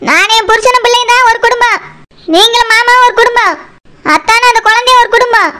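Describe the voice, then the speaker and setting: A defiant young daughter-in-law argues back bluntly in a very high, bright cartoon voice, played by a woman. She has a Tirunelveli Tamil accent. She is stubborn and firm in every line. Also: quick pace. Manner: blunt and argumentative. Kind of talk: cartoon voice acting.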